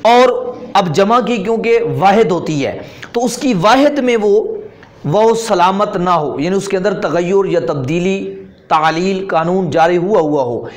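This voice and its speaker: A man with a Pakistani Urdu accent teaching Arabic grammar in a classroom lesson, patiently repeating terms and asking questions that he answers himself. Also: sits high.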